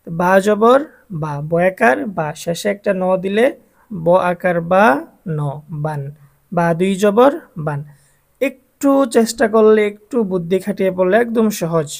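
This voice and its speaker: A man with a Bangladeshi Bengali accent teaches adult beginners to read the Quran. He speaks at a very slow, deliberate pace, drilling each letter sound with patient repetition. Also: high voice, vocal fry.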